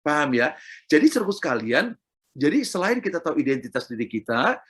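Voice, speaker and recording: A man's voice: fairly high pitch, big pitch swings, fairly quick, slightly rough. A middle-aged man preaching a sermon, emphatic and repetitive, speaking straight to his listeners.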